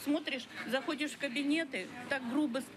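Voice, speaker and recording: A woman complaining quickly and indignantly. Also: high voice, background noise. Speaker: resident. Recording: loud crowd behind.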